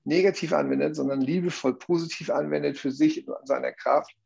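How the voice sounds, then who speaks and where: A man's voice: a little high, fairly even intonation, brisk, gravelly, darkish tone, slightly rough, highs cut off. A man explaining a view earnestly in conversation, often checking in with tag questions.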